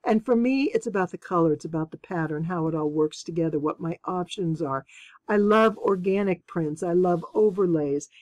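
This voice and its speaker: A woman's voice: lowish voice, moderate pace, a little mellow, no echo. A woman hosting her quilting channel, chatting enthusiastically and exclaiming with delight as she unboxes and shows fabrics. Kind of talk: casual unboxing chat.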